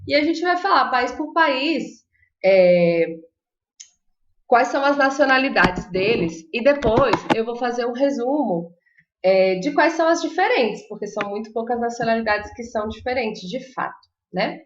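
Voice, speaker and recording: Brasilian-born teacher lady, highish voice, roomy echo, a bit dull sounding, talks warm and chatty to her class. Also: animated. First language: Portuguese. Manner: chatty, encouraging, models pronunciation slowly. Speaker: Spanish teacher. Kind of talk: online language lesson. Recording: echoey room, slightly dull sound.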